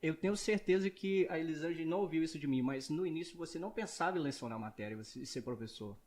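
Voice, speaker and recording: A man's voice: a little high, expressive, fast, darkish tone. A man hosting a podcast interview, enthusiastic and speaking straight to the listeners as he brings in his guest. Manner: enthusiastic, addresses the audience directly. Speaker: podcast host.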